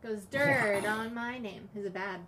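A woman's voice: mid-range voice, a little slow, fairly bright tone, a little hiss or hum. A woman chatting casually with family at home, rambling and laughing easily.

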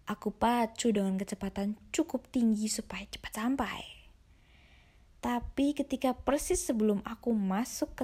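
Hushed woman telling a horror story. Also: medium pitch, breathy edge. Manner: hushed, often half-whispered delivery. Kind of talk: scripted horror story narration.

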